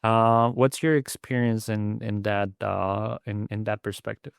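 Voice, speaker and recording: Smooth-voiced male podcast host. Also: on the low side, flat delivery, no room sound, clean studio sound. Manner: polite, slightly halting questions. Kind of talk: academic interview.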